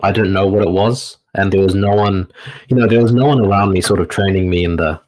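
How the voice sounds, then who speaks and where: A man, a meditation teacher answering interview questions in a slow, reflective way with frequent pauses. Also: deep voice, darkish tone, low-quality recording. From New Zealand. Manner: slow, reflective, pausing often with "uh".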